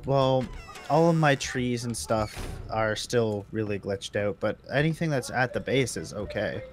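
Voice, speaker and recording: A man with a medium-pitched voice and lively intonation talks a little slowly while chatting casually as a co-player in a streamed video game. The online game chat comes through with faint noise.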